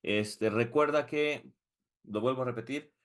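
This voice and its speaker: A man's voice: medium pitch, a little slow. A man with a Mexican Spanish accent explains exam questions step by step. He asks the viewers questions and checks in with a frequent "ok?". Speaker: English teacher preparing exam candidates. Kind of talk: screen-recorded lesson, switching between Spanish and English.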